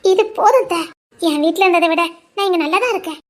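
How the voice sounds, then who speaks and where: A woman's voice: very high-pitched, quick pace. A woman playing a devoted young wife and sister in a family serial, speaking in an emotional, pleading way with a Tirunelveli Tamil accent. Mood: grateful.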